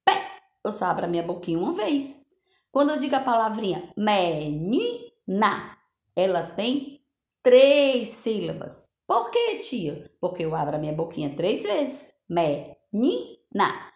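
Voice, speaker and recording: Animated Brazilian woman teaching small kids. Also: medium pitch, measured pace, roomy sound. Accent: Brazilian Portuguese. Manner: sing-song, coaxing, full of diminutives. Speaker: primary school teacher. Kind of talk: recorded remote lesson for young children.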